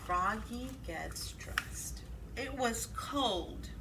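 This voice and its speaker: A woman leads a storytime at a children's library, reading aloud and singing in an exaggerated, sing-song manner for little kids. Her voice is a little high and expressive, and she speaks extremely slowly. There's a lot of background noise.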